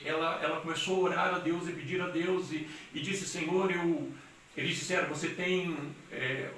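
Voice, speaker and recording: Man, pastor's sermon, fairly high voice, distant mic, faint hiss. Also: pushed and bright, heavy reverb. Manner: earnest storytelling, with emphatic slowing on key phrases. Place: church hall.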